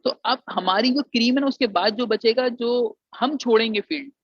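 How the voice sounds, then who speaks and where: With a very high voice and a moderate pace, a Pakistani man who studied engineering explains admissions informally. English phrases slip into his Urdu, and he calls listeners "beta." There's no room sound, and the audio is dry and muffled.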